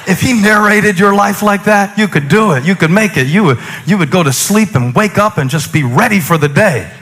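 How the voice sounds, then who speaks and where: A man preaching a sermon to a congregation, talking conversationally and then rising to loud exhortation. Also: sits high, slightly rough. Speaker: pastor.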